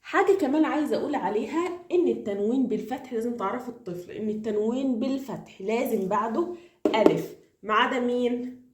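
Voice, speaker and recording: A woman with an Egyptian accent who teaches reading, giving tips to parents and drilling with quick repeated questions. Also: a little high, darkish tone, reverberant. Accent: Egyptian Arabic.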